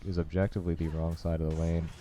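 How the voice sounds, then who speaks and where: Deep mellow male esports caster. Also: fast talker. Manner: steady analytical play-by-play, coaching asides. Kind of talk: play-by-play game commentary.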